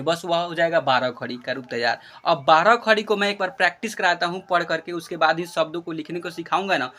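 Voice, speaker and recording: A man teaching Hindi script in a classroom lesson, drawing out syllables in a slow chant and checking that the children follow. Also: on the high side, bright, forceful tone. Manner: instructive, checks understanding with the class.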